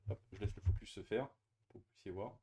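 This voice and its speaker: A man's voice: fairly low pitch, quick pace, warm tone, slight background noise. A man chatting casually as he opens trading card boosters on camera, hesitant with many fillers and restarts. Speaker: card-opening YouTuber. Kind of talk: casual unboxing commentary.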